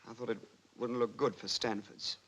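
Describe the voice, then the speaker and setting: A man's voice: medium pitch, flat delivery, moderate pace, a bit bright, breathy edge. A man playing a flippant but nervous young son in a 1950s film drama. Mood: defensive, hesitant. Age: young adult. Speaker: actor. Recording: old film soundtrack, background noise.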